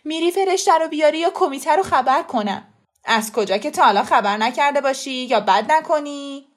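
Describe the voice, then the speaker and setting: A woman's voice: sits high, lively intonation, darkish tone, pitched above the performer's own voice. A woman reading a story voices a frightened but defiant mother, speaking urgently and tensely.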